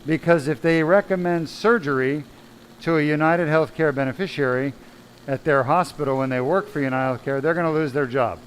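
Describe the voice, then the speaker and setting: A man's voice: a little high, a little hiss or hum, low-quality recording. A man, a spine surgeon, giving a blunt, emphatic live question-and-answer talk full of rhetorical questions.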